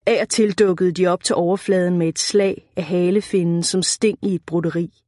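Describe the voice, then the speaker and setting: A woman narrating an audiobook in a measured, even reading. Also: fairly low pitch, no echo, clean studio sound.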